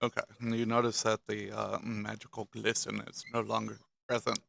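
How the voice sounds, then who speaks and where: A man narrating a tabletop game as dungeon master, halting and restarting often. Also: on the low side, monotone, vocal fry, noisy background. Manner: halting, with many restarts and fillers.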